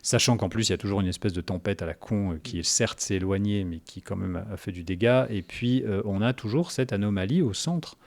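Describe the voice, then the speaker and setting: Rambling, wry man with lowish voice. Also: fairly quick, hardly any pauses, darkish tone. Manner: rambling, self-interrupting, wry. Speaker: tabletop game player. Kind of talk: casual game chat.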